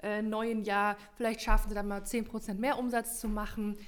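A woman's voice: mid-range voice, flat delivery, moderate pace. A woman co-hosting a podcast, explaining in long emphatic runs with many fillers in a casual chat. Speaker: podcast co-host.

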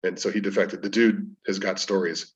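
A man's voice: low-pitched, steady tone, moderate pace. A man as a podcast guest, telling rambling stories about his coaching work, with frequent restarts. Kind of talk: casual storytelling interview. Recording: distant, dull lo-fi sound.

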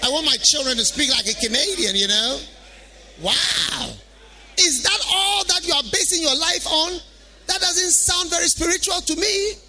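A man's voice: very high voice, normal speed, pushed and bright. A man with a Ghanaian accent preaching a sermon in an emphatic, repetitive way, full of rhetorical questions.

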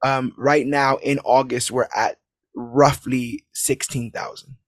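Slow and flat in delivery, a man with a mid-range voice closes out his podcast in a recording with no room sound. Even so, the outro is a casual, upbeat, hype-driven ramble of plugs and calls to support the show.

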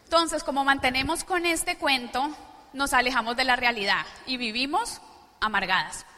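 A woman giving a motivational talk to a live audience, often checking in with quick tag questions. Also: high-pitched, sharp tone. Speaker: speaker at a business event. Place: large event hall before an audience. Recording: live hall with long reverb.

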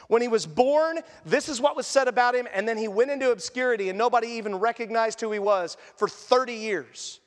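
A man preaching a sermon as pastor, earnest and conversational, often dropping to a hushed voice for emphasis. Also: very high-pitched, big-room sound. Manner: earnest, conversational preaching with sudden quiet drops.

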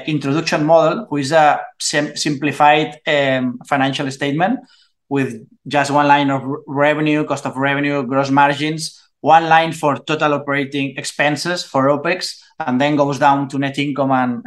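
A man's voice: fairly high pitch, fairly bright tone. A native Spanish-speaking man with a Spanish accent explains his work off the cuff as a guest teacher, groping for English words as if translating in his head. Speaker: investment course teacher and guest.

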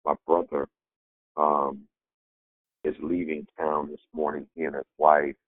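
Hoarse guy preacher w a super low flat voice, stuffed up with a cold, stumbling along on a phone call. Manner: halting, searching for words. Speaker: pastor giving the declaration. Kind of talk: informal sermon on a prayer call. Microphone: telephone. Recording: tinny phone conference line, roomy echo.

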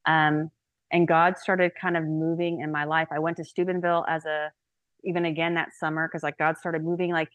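Woman, 30s, low voice, dry close recording; chatty podcast testimony full of "like" and "um". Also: moderate pace, no echo. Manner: chatty and animated, with many "like"s and "um"s. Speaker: guest speaker.

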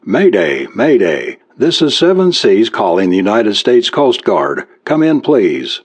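A man's voice: fairly low pitch, huge pitch swings, measured pace, slightly rough, full character voice. A man voicing a male yacht skipper, urgent and impatient on the radio. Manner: impatient, insistent. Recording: dull lo-fi recording.

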